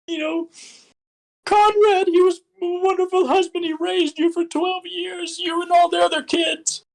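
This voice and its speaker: A man voicing a grieving widowed aunt in a high falsetto, speaking haltingly. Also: little pitch movement, creaky, full character voice, poor audio. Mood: mournful. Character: grieving widowed aunt, woman, gentle and tearful.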